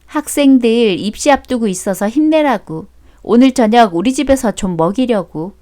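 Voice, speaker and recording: A woman voicing a prim, soft-spoken older sister-in-law who talks politely. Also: on the high side, animated, normal speed, natural voice.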